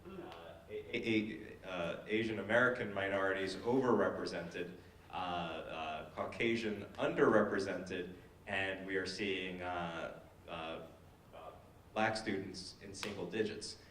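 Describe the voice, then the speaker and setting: A man's voice: low voice, steady tone, unhurried, a bit bright, recorded from a distance. A man speaking on a panel discussion, hesitant with many fillers and restarts. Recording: echoey hall, voice from afar.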